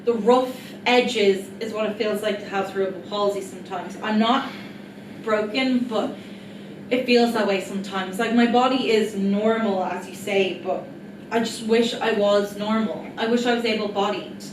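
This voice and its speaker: A woman's voice: medium pitch, steady tone, moderate pace. A woman giving a rehearsed reading of an autobiographical stage monologue, speaking earnestly and reflectively, straight to her audience. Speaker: writer-performer of an autobiographical solo play. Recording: echoey, distant mic, noisy room.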